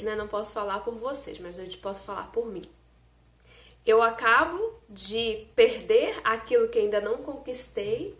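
A young woman gives an earnest spiritist talk straight to her viewers, her voice sitting a little high. She is recorded close on a phone in a room at home, with a noticeable roomy echo around her words. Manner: earnest, explanatory, speaks directly to viewers. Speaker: spiritist lecturer. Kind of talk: online spiritist lecture. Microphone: phone camera close up.

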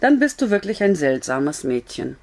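A woman's voice: mid-range voice, very animated, moderate pace, dark tone. A woman reading a story aloud, voicing a frank, blunt but comforting young woman in an earnest, raised voice.

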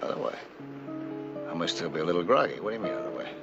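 An actor playing an easygoing adult male diver in a 1960s TV drama, wry and relaxed. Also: low-pitched, very fast, vocal fry, over loud music, heavily acted. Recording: dull lo-fi 1960s TV soundtrack.

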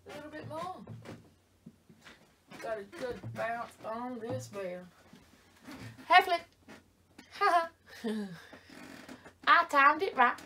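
Playful woman, bright and sharp. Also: a little high, takes it slowly, long pauses, slight background noise. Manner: playful, teasing, sing-song cooing sounds. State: short of breath near the end. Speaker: vlogger. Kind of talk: casual chatty vlog.

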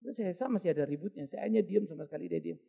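A woman's voice: on the low side, very fast, gravelly, warm tone, husky, lo-fi sound, voice pushed down, full character voice. A man quoting an elderly woman who talks in a plain, chatty way. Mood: recounting. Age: older. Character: calm elderly woman recalling her marriage.

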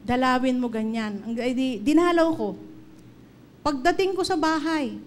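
A woman's voice: sits high, a little slow, a little hiss or hum. A middle-aged woman preacher giving an earnest sermon, telling personal stories and slipping English phrases into her talk.

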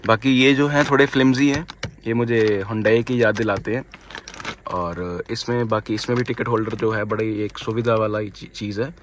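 A man in his thirties with a slightly hoarse throat, giving a casual spoken review of his new car from inside it and talking to viewers as friends. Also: lowish voice, steady tone, normal speed, a little hiss or hum. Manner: chatty, mixes English phrases into his talk, addresses viewers as friends.

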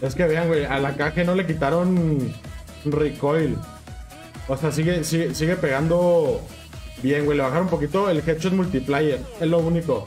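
High-voiced hyped Mexican streamer guy. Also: normal speed, darkish tone, soft background music. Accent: Mexican Spanish. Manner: hyped, slangy, keeps urging chat. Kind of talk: casual livestream chat with viewers.

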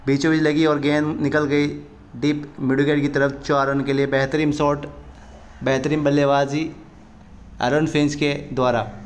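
A man giving excited cricket commentary as a gaming streamer, often repeating himself and addressing his viewers. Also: a little high.

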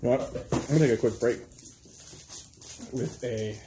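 A man's voice: medium pitch, moderate pace. A man co-hosting a casual snack taste test at home, laid-back with dry jokes. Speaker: co-host, husband. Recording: echoey room with background noise.

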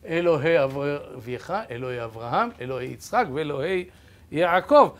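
An older man whose first language is French teaches a Bible class to a live audience in a lecture room with a projector screen. With no microphone and only a distant camera, he raises his voice to carry, speaking haltingly with many restarts and repeated words. His pitch is fairly high and his delivery animated.

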